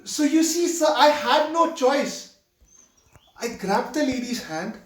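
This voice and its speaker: A nervous young theater usher, played by a man stumbles through a confession on his first night, stammering and apologetic. The voice sits high and unhurried. It sounds roomy and picked up from well away from the mic. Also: lively intonation, a bit bright, far from the mic, exaggerated voice. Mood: flustered. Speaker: actor performing a monologue. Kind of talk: theatrical monologue.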